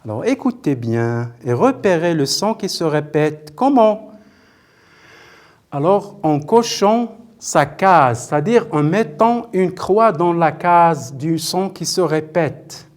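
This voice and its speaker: Slow and animated, with a fairly high voice, a man presents a televised lesson for primary school children. He patiently repeats himself, quizzes and compliments the pupils, and sounds out each word syllable by syllable.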